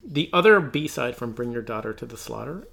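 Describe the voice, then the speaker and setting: A man's voice: medium pitch, sing-song, normal speed, creaky, fairly bright tone, soft background music. A man co-hosting a podcast, talking casually and hesitantly as he searches for words. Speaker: podcast co-host. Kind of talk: casual chat about music.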